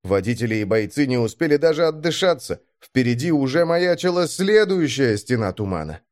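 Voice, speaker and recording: A man's voice: medium pitch, very animated, fairly quick, a little mellow. A man narrating a science-fiction audiobook in a dramatic, tense manner.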